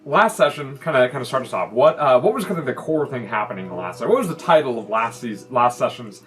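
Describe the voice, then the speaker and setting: A man's voice: mid-range voice, animated, fairly quick, fairly bright tone. A man running a tabletop game as game master, chatty and self-deprecating, with plenty of fillers.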